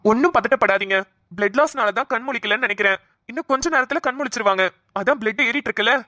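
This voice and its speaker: A woman voicing a calm young male doctor who reassures the family in an animated cartoon. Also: a little high, fast, dry recording, studio quality. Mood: reassuring. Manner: soothing, explaining patiently.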